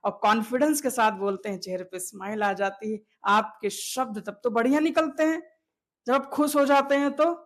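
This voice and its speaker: A man's voice: extremely high pitch, normal speed, a bit bright. A man who makes videos, coaching viewers in an earnest motivational talk that repeats key points and asks rhetorical questions. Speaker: video creator coaching on fluent speaking.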